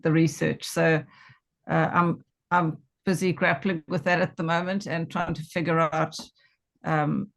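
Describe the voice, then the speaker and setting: A woman sharing reflectively in conversation, tentative and pausing to reformulate her thoughts. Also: deep voice, flat delivery, creaky. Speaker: workshop participant and research student.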